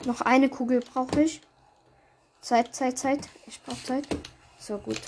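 A woman's voice: high voice, fairly even intonation, slow. A woman giving casual live commentary on her own gameplay, reacting aloud in short bursts. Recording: clear background noise, keyboard clicks.

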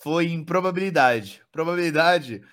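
A speaker chatting casually, telling a story with frequent laughter. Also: mid-range voice. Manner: laughing, lively, slow-paced. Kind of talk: casual chat.

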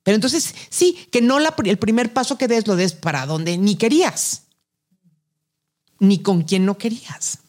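A middle-aged Mexican woman speaks as a podcast guest, her voice sitting at a mid pitch. She talks emphatically and colloquially, sharing advice with conviction. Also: lively intonation, unhurried, darkish tone. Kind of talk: casual conversation.

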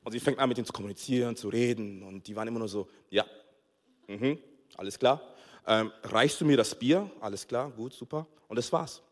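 A man preaching a sermon as pastor, telling a funny family story with lively acted-out dialogue and frequent laughter. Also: medium pitch, fairly quick. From Togo. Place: church hall. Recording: long hall reverb.

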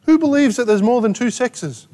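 Australian male pastor, high voice, punchy sermon delivery, fires rhetorical questions at the room. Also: lively intonation, normal speed. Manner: emphatic preaching with rhetorical questions and sharp asides. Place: church gathering in a rented hall.

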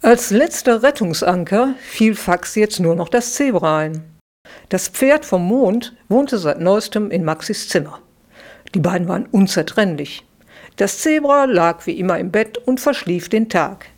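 Slow storytelling woman. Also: mid-range voice. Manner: slow, lively voices for the children. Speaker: author reading her children's book. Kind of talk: storybook reading aloud.

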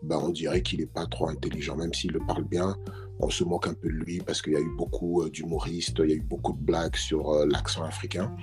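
Deep-voiced man talking haltingly. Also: little pitch movement, music in the background. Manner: hesitant, with frequent fillers. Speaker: interviewer. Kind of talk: conversational interview.

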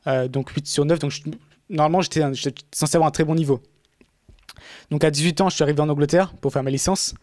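A man's voice: a little high, steady tone, fast, a little mellow, no room sound, clean studio sound. A young man chatting as host, talking directly with a few fillers. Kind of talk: casual conversation.

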